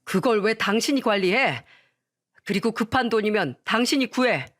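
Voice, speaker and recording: A woman's voice: mid-range voice, expressive, moderate pace, natural voice. A woman voicing a fed-up young father who answers his wife firmly with a raised voice in a storytelling drama. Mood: stern. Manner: firm, raised voice.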